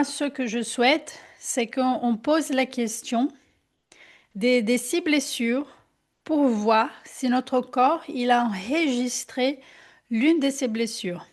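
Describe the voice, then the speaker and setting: A woman therapist leading a guided workshop over a video call, talking hesitantly with many fillers and restarts, gently instructing, into an external microphone. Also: on the high side, slow.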